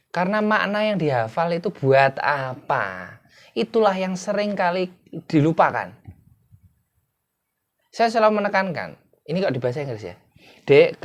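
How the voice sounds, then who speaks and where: Lively-voiced man teaching. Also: on the high side. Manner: asks the listener rhetorical questions and answers them himself. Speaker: English teacher. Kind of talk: explanatory lecture.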